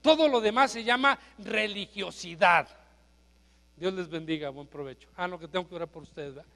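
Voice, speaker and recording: High-voiced Mexican pastor in a reverberant hall. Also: male voice, normal speed, vocal fry. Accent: Mexican Spanish. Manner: emphatic, swinging from quiet asides to shouted exclamations. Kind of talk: sermon. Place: church sanctuary.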